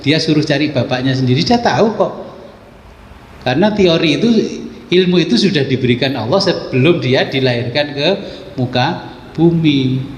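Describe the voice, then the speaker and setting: A man leads a religious study lesson, his voice sitting slightly high. He explains in a relaxed, folksy way, tossing out rhetorical questions. The recording rings with a long hall echo. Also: normal speed. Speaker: religious teacher. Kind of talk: kitab study lecture. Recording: echoey hall with faint ambience.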